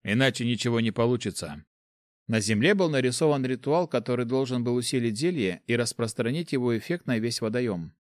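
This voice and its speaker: Male narrator, audiobook, steady, mid pitch, dry close sound. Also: a little fast, hardly any pauses, no echo. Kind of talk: scripted narration.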